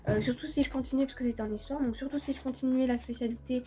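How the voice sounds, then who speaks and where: Chatty teenage girl with a mellow voice. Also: sits high, fairly even intonation, racing. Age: teens. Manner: chatty, many fillers and repeated words. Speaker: beauty vlogger. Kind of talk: casual chat while doing makeup. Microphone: phone camera.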